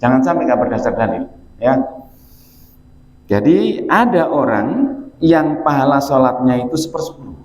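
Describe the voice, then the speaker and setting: A man's voice: medium pitch, lively intonation, moderate pace, long pauses, darkish tone. Male preacher, folksy and teasing, muffled echoey mosque recording. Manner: folksy and joking, addressing listeners directly. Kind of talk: evening mosque sermon.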